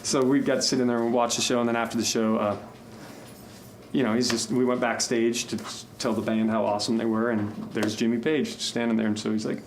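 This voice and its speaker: A man in his thirties, a musician from Washington, chatting in an interview, rambling with quick restarts. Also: medium pitch, a little hiss or hum. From Tacoma and Spokane, Washington. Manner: rambling, animated storyteller with restarts. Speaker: musician guest. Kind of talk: casual interview chat.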